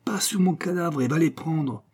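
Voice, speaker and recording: A man voicing an irascible, pompous old priest schoolmaster who shouts in indignation. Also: on the high side, moderate pace, breathy edge, voice pushed up. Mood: furious. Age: older.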